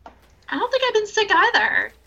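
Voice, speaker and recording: Woman co-host with a bright, gravelly voice; playful casual podcast chat. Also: very high voice, very animated, moderate pace, dull audio.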